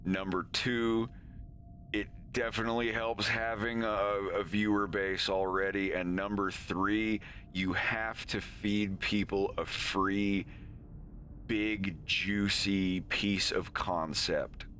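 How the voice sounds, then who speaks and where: A man's voice: lowish voice, little pitch movement, slow pace, a bit bright, a little hiss or hum. An American man from Florida in casual, rambling stream chat. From Florida, United States. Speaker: animator and streamer.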